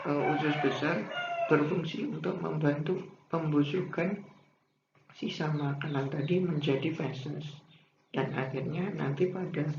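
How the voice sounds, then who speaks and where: A man talks a school lesson through in a slightly high voice, steady and explanatory, with "nah" and "eh" between points. The sound is muffled and echoey, with a faint hiss behind it. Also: vocal fry. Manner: steady explaining pace, frequent "nah" and "eh" fillers. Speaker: teacher. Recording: roomy, dull, faint room hiss.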